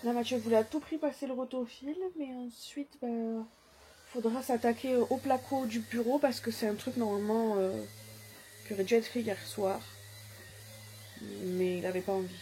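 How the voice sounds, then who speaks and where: A woman's voice: on the high side, steady tone, moderate pace, warm tone, slight background noise. A woman hosting a renovation vlog, narrating in a chatty, enthusiastic voice-over. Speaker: vlog host.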